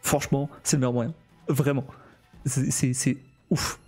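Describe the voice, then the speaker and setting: A man chatting casually on a live stream, his voice mellow and dark in tone. He talks haltingly and keeps restarting his sentences, often breaking into laughter. Soft music plays faintly behind him. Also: mid-range voice, level tone, husky.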